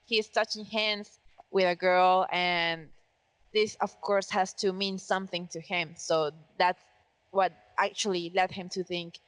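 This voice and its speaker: A woman's voice: fairly low pitch, steady tone, measured pace, fairly bright tone, clean tone, dry recording, low-quality recording. A woman co-hosting a fan podcast in easy, casual chat. She is emphatic and often sarcastic, and she peppers her talk with "like" and "you know". Her voice sounds close and dry, with almost no room sound. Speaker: podcast co-host.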